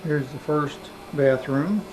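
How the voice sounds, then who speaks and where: A man's voice: a little high, slow pace. Man narrating an old VHS home video. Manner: casual, matter-of-fact commentary. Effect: old VHS home video tape. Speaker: home video camera operator. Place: indoors in a house. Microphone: camcorder mic behind the camera. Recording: humming, hissy old camcorder tape.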